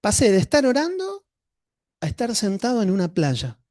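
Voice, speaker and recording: Pastor telling a testimony. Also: male voice, sits high, wildly swooping pitch, normal speed, a little mellow, no room sound. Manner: conversational storytelling, addresses the congregation directly. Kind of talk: sermon with a personal testimony.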